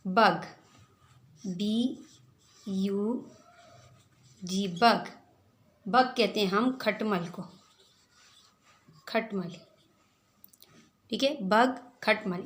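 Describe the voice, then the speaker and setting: Slow, patient woman spelling words aloud. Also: mid-range voice. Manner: checks in with listeners, asking "clear?". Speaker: teacher. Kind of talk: children's vocabulary lesson.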